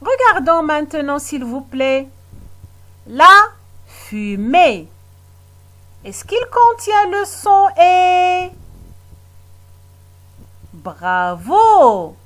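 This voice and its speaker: A woman teaching a phonics and syllables lesson to young children, slow and patient, asking questions and praising often. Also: sits high.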